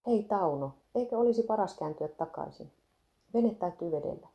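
A woman's voice: medium pitch, lively intonation, highs cut off, natural voice. A woman reading the lines of an anxious male fisherman, pleading and worried.

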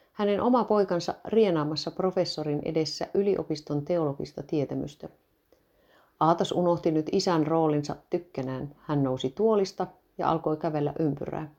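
A woman narrating a devotional story in calm, even scripted narration. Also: low voice. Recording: dull lo-fi recording.

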